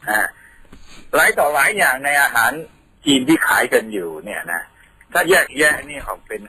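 A man's voice: medium pitch, big pitch swings, normal speed, sharp tone, low-quality recording. A man from Thailand, a radio guest patiently explaining things in a studio, telling them like a story.

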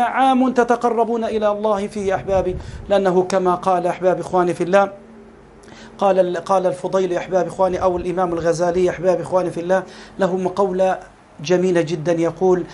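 Beneath a faint hiss, an Egyptian male preacher with a high, darkish voice and Egyptian Arabic accent rushes through an impassioned sermon. He keeps reaching out to listeners, calling them beloved brothers.

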